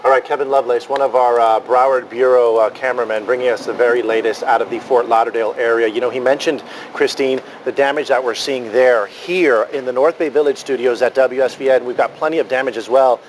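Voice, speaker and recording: A man's voice: medium pitch, steady tone, fast, few pauses, slight background noise, rough recording. A man anchoring live breaking news, questioning reporters and describing pictures for the audience.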